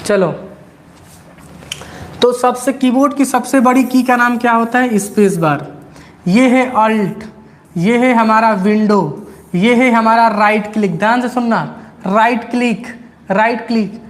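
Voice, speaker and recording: A man's voice: extremely high pitch, a little slow, long pauses. A man teaching computer basics. He repeats key points and teasingly scolds his students. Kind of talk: classroom-style lesson.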